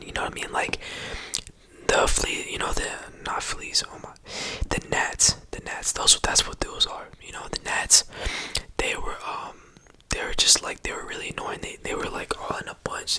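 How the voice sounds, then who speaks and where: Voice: normal speed, sharp tone. A whispering ASMR creator rambling casually and repetitively in slangy speech, close to the microphone. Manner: slangy, repetitive, rambling, often saying bro and you know.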